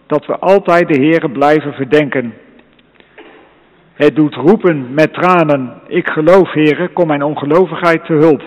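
With a fairly high-pitched voice, a male pastor preaches solemnly and at a measured pace, returning to the same phrases again and again. Long reverb and muffled lo-fi audio color the clip.

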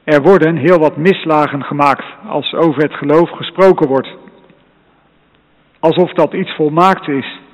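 A pastor delivers a sermon in a solemn, measured manner, repeating his phrases, his voice pitched fairly high. The recording has a long reverb and a dull, lo-fi quality.

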